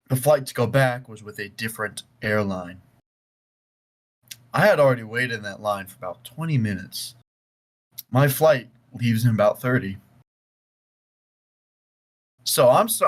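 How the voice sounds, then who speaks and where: Young adult male podcast co-host. Mid-range voice, animated and profane casual storytelling. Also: mid-range voice. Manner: animated and heavily profane, with frequent restarts.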